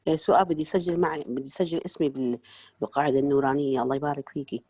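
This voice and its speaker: A woman's voice: deep voice, steady tone, breathy edge. A woman asking about enrollment on a video call, hesitant and full of blessings. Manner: rapid, warm blessings, hesitant. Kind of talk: casual questions on a video call.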